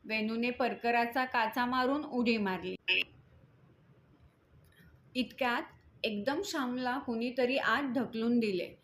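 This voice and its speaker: A woman reading a moral story aloud in a measured, steady storytelling voice. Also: on the high side, slight background noise.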